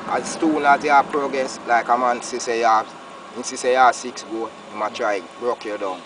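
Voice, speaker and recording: A man's voice: mid-range voice, fairly even intonation, normal speed, far from the mic. An older Jamaican man talks in casual rasta-style patois, driving points home by repeating them. He is recorded outdoors by a roadside, a little away from the mic, with faint noise around him. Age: older, about 60s. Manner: emphatic, repeats phrases. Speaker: farmer being interviewed.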